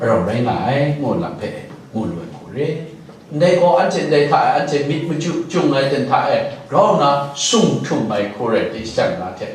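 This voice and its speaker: A man's voice: mid-range voice, sing-song, moderate pace. A male pastor preaching a sermon, dropping English words into his speech now and then. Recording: very echoey hall, distant mic, faint noise.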